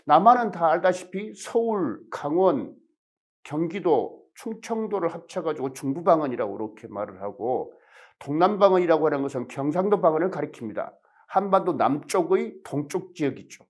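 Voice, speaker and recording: A middle-aged male professor, lecturing in a fairly high voice. His intonation rises and falls freely. He explains step by step and poses questions to his audience. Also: expressive, moderate pace. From Jeolla region of Korea. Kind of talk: recorded lecture.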